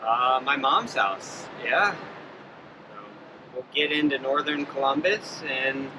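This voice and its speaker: A man in his thirties talks in an easygoing way, mostly chiming in with short agreements between longer recaps. He speaks to a handheld camera with loud road and engine noise around him. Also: mid-range voice, slow. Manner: laid-back, short agreeing replies. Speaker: vlogger. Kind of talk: casual travel vlog chat. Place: inside a motorhome and outdoors in a truck-filled parking lot at night. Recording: noisy road and parking lot background.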